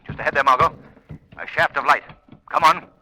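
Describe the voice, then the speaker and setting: An actor playing a mysterious, commanding crime-fighter with a deliberate, theatrical delivery in 1930s radio drama style. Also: male voice, a little high, bright, forceful tone, rough recording. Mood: urgent.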